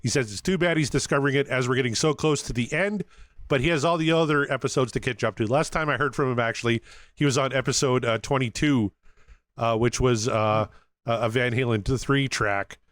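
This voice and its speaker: A man co-hosting a podcast in casual chat, earnestly giving friendly shout-outs to listeners. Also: medium pitch, a little fast, no room sound, studio quality. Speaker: podcast co-host.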